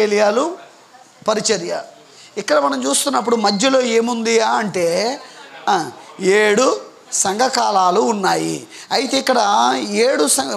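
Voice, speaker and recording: Male pastor, very high raspy voice, call-and-response sermon style. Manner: call-and-response preaching, repeated "Praise the Lord"; mixes English words into his sermon.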